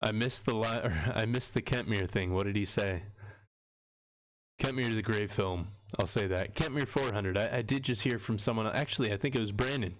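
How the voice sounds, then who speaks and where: Young male streamer, lowish voice, relaxed and rambling, quick to laugh. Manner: rambling, easygoing, laughs often. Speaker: livestream host. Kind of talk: casual livestream chat. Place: home room with shelves of books.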